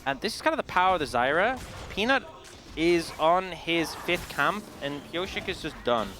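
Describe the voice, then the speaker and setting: A young British man calls a live esports match with a lifted, lively voice that climbs and dips freely. He jokes and laughs between plays, and faint game music hums behind him. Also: on the high side, moderate pace. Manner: playful banter, laughs often. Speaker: esports caster. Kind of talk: live play-by-play commentary.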